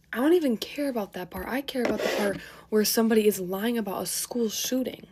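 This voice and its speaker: A young woman in a storytime vlog, animated, laughing and swearing through a rant. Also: mid-range voice, slight background noise.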